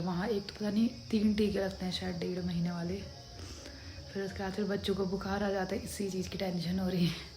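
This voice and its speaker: A woman's voice: medium pitch, background noise. Chatty Pahadi woman vlogging her day. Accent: Uttarakhand Pahadi Hindi. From Uttarakhand hills, India. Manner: chatty, homely, narrates chores step by step. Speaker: family vlogger. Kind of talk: casual daily-life vlog narration. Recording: background music under the voice.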